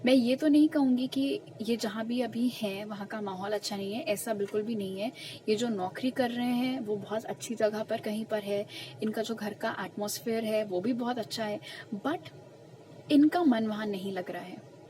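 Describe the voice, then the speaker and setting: A woman's voice: a little high, slight background noise, poor audio. A young woman giving a pick-a-card tarot reading, explaining each message earnestly and with emphasis. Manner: slow, soft murmured questions while shuffling cards. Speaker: tarot reader.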